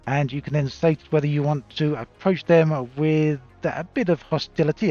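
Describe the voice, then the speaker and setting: A man reviewing a video game in a measured, explanatory way, recorded on a cheap stand-in microphone with low audio quality. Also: darkish tone. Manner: measured, explanatory, occasional fillers. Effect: low-quality audio from a cheap stand-in mic. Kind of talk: scripted game review commentary. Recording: dull lo-fi cheap mic recording.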